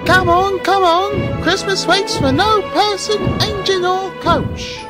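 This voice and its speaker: A man voicing Thomas, a cheerful, eager young tank engine, in a fan audio drama. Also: slow pace. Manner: high, strained and excited. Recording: loud background music.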